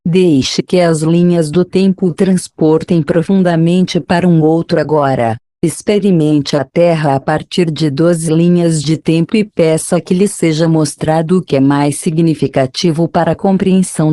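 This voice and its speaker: A narrator reading a script in a soothing, measured, instructional way, like a guided meditation at a spa. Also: medium pitch, mellow, no echo, studio quality.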